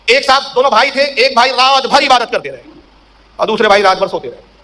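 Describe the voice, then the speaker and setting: High bright-voiced male preacher. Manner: emphatic, rising to loud fervor, asks and answers own questions. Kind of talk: sermon storytelling.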